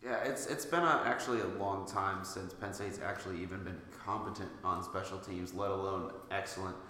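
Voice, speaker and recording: A man's voice: low voice, brisk, bright, forceful tone, slight background noise. Man chatting in a heavily echoing basement. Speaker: podcast panelist and sports site staff member. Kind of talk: casual sports chat. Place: in a home basement. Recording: very echoey basement with reverb.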